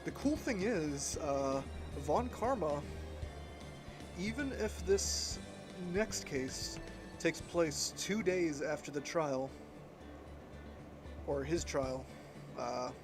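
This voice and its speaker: A man recording his casual gameplay commentary from under a blanket at home, rambling and halting with many fillers. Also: fairly high pitch, expressive, music in the background. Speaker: let's play gamer.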